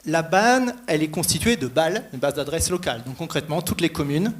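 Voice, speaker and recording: Quick, informal man giving a talk. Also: on the high side, lively intonation. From New Caledonia. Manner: quick, informal, self-correcting. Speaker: presenter at a data conference. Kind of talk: conference presentation.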